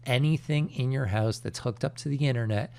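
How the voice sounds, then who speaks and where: A man hosting a crypto channel in an energetic, chummy crypto-bro manner, pitching with emphatic salesman hype. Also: a little fast, gravelly. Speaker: YouTube crypto channel host. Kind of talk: energetic promotional vlog commentary.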